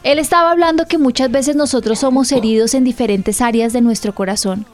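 A woman with a fairly high voice gives an earnest church teaching talk as host of the program. She often turns to her listeners with direct questions. Soft music plays faintly behind her. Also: fairly quick.

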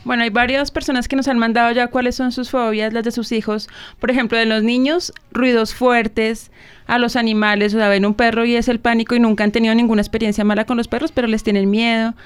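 Woman co-host, quick and smooth, relays listener questions. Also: on the high side, flat delivery. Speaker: co-host reading listener messages. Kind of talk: casual radio chat.

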